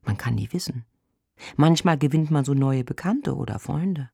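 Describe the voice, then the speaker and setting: A man reading a first-person story aloud, wry, melancholic and deadpan. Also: fairly high pitch, moderate pace, creaky, slightly rough, dry recording, studio quality. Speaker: narrator.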